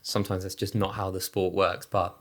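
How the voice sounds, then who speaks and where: A podcast co-host chats casually about racing, full of fillers and restarts. His voice is low and a little bright, with a level tone and a slightly fast pace.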